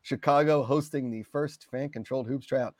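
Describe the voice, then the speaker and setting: A man's voice: medium pitch, fairly even intonation, normal speed, a little mellow, no echo, studio quality. A man hosting a casual podcast quiz, playful and laughing, rolling foreign names with flair. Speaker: host.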